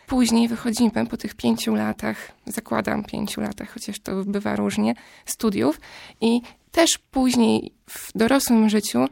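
A woman in her twenties talking through her view in a casual discussion, measured and explanatory, building long argued sentences. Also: fairly high pitch, gravelly, a little mellow, no room sound, studio quality.

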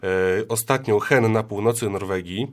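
A man's voice: lowish voice, moderate pace. A man hosting an interview, introducing his guest and asking formal, polite questions. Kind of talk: radio interview.

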